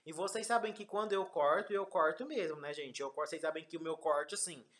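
A woman's voice: low voice, fairly quick, a bit bright. A woman with a Brazilian accent telling a hurt, confiding personal story to her followers, tagging her sentences with "né?" again and again. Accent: Brazilian Portuguese. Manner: hurt, confiding, keeps repeating the tag "né?". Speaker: vlogger.

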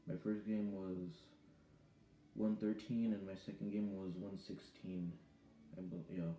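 A man's voice: fairly low pitch, dark tone, roomy sound, a little hiss or hum. A teenage boy vlogging casually to camera from his bedroom, rambling and hesitant with lots of ums. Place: small bedroom indoors. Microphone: webcam or phone at arm's length.

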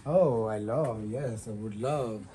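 This young fashion designer has a warm, medium-pitched voice and takes his time speaking. Presenting his collection in a showroom, he explains things casually with a French accent, his English hesitant yet enthusiastic.

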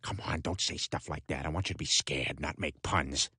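An actor playing a crude cartoon husband who has suddenly got an extremely deep, rumbling voice. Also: male voice, normal speed, sharp tone, faint music behind. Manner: crude, blunt. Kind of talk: cartoon voice acting.

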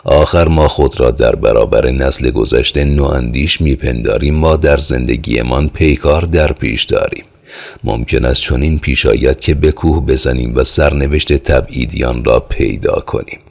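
A man reading the lines of a brooding young man, slow and doubtful, in an audiobook. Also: a bass voice, vocal fry, a little mellow, full character voice. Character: young man, brooding and hesitant about marriage.

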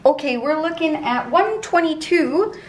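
Bubbly high-voiced woman vlogger. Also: expressive, measured pace. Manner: bubbly and playful, with cutesy pet words. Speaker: weight-loss vlogger. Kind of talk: casual cooking and meal-prep talk.

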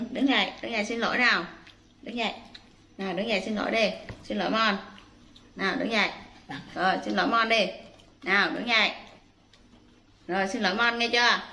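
A woman scolds her pet in a bright, forceful voice pitched a little high. She chides like a mother, repeating herself in simple baby talk. The room has a noticeable echo. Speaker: pet monkey owner.

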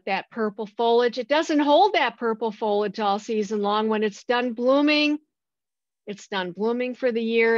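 Woman, nursery speaker, garden club slide talk, fairly high voice, dull dry recording. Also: no echo. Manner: friendly, enthusiastic plant descriptions with fillers.

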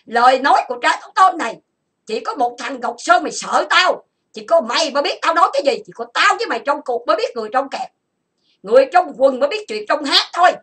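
A Vietnamese woman who hosts an online chat room unleashes an angry monologue, listing insults and grievances in rapid bursts. Her voice is high, expressive, and a bit bright.

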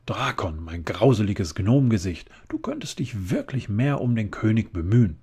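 A man voicing a haughty vampire countess mother who scolds sweetly and teases with odd pet names, in a relaxed ASMR story reading. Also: lowish voice, normal speed, breathy edge, exaggerated voice. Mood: fussy. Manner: sweetly bossy, pet-name teasing.

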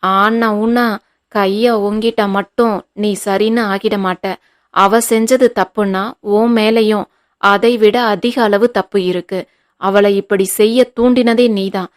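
A woman voicing a stern, sharp-tongued older mother-in-law who scolds in cutting retorts, in an audiobook reading. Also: mid-range voice, fairly even intonation, slow, natural voice. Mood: firm.

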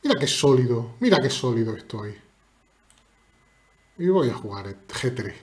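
A man's voice: mid-range voice, sing-song, unhurried. A man streaming and commentating his own live chess games in a playful, chatty way, teasing his opponent and talking to his viewers.

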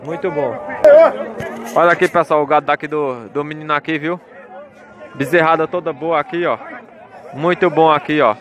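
Filming on his phone, a man walks through outdoor cattle pens at a cattle fair, casually commentating for his viewers in a chatty, repetitive way and calling out to them again and again. His voice is a little high with fairly even intonation, at normal speed with long pauses, and there is background noise plus crowd chatter from the outdoor market.

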